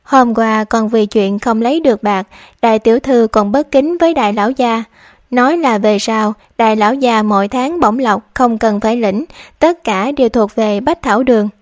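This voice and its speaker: A woman's voice: a little high, normal speed, no echo, clean studio sound, close to an everyday voice. A woman voicing a scheming young maid, pleading. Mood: worried pleading. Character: scheming young maidservant, woman, feigning worry.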